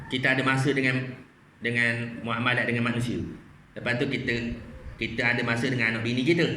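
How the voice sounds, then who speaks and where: Guy giving a mosque talk, bright voice, chatty, keeps going "see?", echoey hall. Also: medium pitch, slight background noise. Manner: conversational, keeps checking in with rhetorical questions. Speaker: religious lecturer. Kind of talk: evening mosque lecture.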